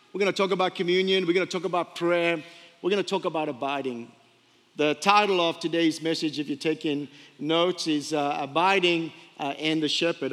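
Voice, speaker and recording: A man's voice: fairly high pitch, fairly bright tone, long reverb tail. A man preaching a conversational sermon as a pastor, repeating key phrases for emphasis and putting rhetorical questions to his congregation. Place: large room, speaking to a congregation.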